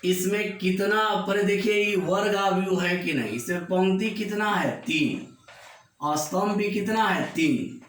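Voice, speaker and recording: Slow-talking Bihari maths teacher in an echoey room. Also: male voice, high voice, a bit bright. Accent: Bihari Hindi. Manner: slow, repetitive explaining, calls students "babu". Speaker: mathematics teacher. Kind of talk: classroom maths lecture.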